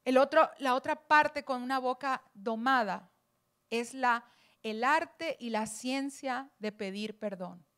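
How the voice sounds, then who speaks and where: A woman's voice: high voice, slow pace, fairly bright tone. A woman preaching a passionate sermon, rising now and then to emphatic cries.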